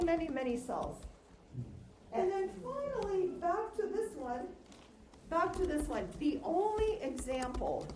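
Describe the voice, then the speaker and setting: In a roomy, echoing space with some background noise, a woman teaches a class through a face mask. Her voice sits a little high and sounds slightly muffled. She lectures conversationally, often asking a question and then answering it herself. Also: mellow. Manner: conversational, quizzing listeners with questions and answering them. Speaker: lecturer teaching anatomy and histology. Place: lecture room, recorded as audio.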